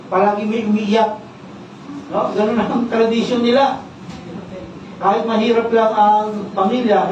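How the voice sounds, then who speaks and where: Male Filipino pastor, high voice, teaching style with tag questions, distant mic in a very echoey church. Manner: teaching, frequent "no?" tag questions, mixes English terms. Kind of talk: sermon. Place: church worship service. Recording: echoey church hall, distant mic, dull sound, faint noise.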